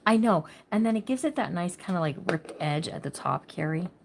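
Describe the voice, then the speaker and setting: A woman's voice: lowish voice, animated, brisk, vocal fry, slight background noise. A woman hosting a casual craft livestream. She chats with viewers by name and thinks aloud while she works. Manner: says she talks loud.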